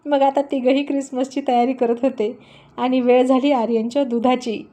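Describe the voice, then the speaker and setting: A woman's voice: high voice, moderate pace. A woman narrating a serialized love story, voicing every character expressively. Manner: expressive, acts out all characters.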